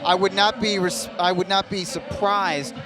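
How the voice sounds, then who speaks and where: A man's voice: high-pitched, little pitch movement, moderate pace, over music. A man giving live boxing analysis as a commentator.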